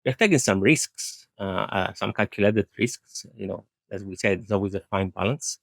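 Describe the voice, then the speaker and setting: A man with a lowish, gravelly voice speaks at normal speed in a dry recording. Answering interview questions as an IT director, he explains his views earnestly and repeats phrases for emphasis, giving thoughtful, conversational answers.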